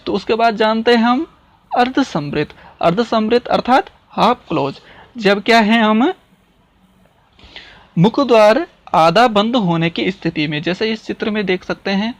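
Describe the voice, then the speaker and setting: A man's voice: high-pitched, lively intonation, measured pace, no echo. A man teaching a grammar lesson, who poses questions to his students and answers them himself, repeats key terms, and checks in with "okay" after each point. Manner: checks in with "ठीक है" often. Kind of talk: classroom-style explanation lesson.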